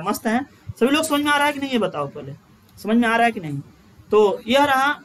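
High-voiced chatty teacher. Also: male voice, slight background noise. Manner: chatty, joking asides to viewers; stretches vowels when chanting verses. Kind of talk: live online Sanskrit grammar class.

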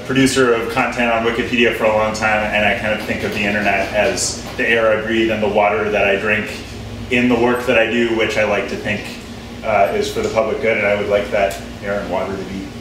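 A man on a theater panel, speaking in a measured, earnest way. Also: on the low side, flat delivery, noisy background. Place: small theater stage. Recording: echoey room from far off.

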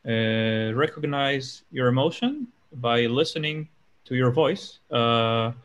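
A man moderating an online event, introducing the next speaker in a halting, unhurried way. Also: mid-range voice. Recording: muffled call audio.

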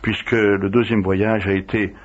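A priest's low-side voice, at a moderate pace, carries an interview full of old stories, with the dialogue acted out in a lively way. The sound is that of a dull, lo-fi radio recording.

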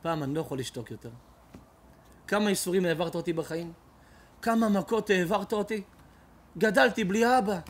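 A preacher voicing an elderly rabbi who grieves and pleads with God in an impassioned voice. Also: male voice, high voice, pauses often, voice pushed up. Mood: anguished.

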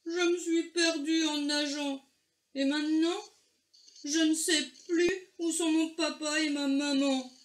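A woman voicing a huge, gentle young female whale who is lost, slow and booming in a storybook reading. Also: reverberant. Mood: whimpering. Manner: slow booming voice, later whimpering.

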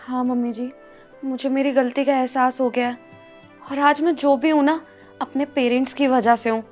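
An actress playing a proud, bossy working daughter-in-law in a family short film, commanding in tone. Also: female voice, high voice, steady tone, normal speed, darkish tone, faint music behind, natural voice. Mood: apologetic.

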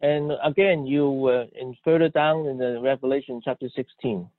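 A man interpreting a sermon live, halting and restarting often as he searches for words. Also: mid-range voice, steady tone, no echo. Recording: dry, tinny phone-like line.

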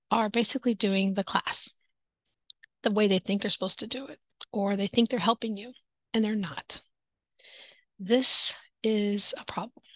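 A woman's voice: medium pitch, a bit bright, dry recording, low-quality recording. A native English-speaking woman who teaches English online, chatting casually to camera with tips. She acts out classroom exchanges and sometimes drops into whispered asides.

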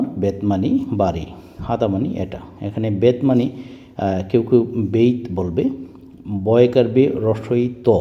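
A man's voice: fairly low pitch, dark tone, big-room sound. A man teaching spoken phrases step by step, patiently repeating each phrase and explaining word meanings. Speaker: language teacher. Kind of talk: spoken language tutorial.

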